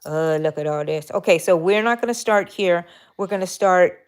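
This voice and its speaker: Her lowish voice is smooth and moderately paced. She's a woman from Texas running a relaxed live crochet stream from her bedroom, chatty and thinking out loud as she works, now and then addressing her yarn.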